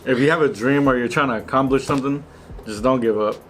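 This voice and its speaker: A man's voice: medium pitch, quick pace, over music. A man co-hosting a vlog, talking in a laid-back, joking way with casual slang while eating and signing off. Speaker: vlog co-host.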